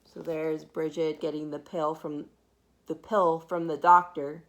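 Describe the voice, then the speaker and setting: A deep-voiced woman reads a children's book aloud like a preschool teacher, expressive and emphatic. She tells the story animatedly for young kids, using dramatic pauses and small asides to her listeners.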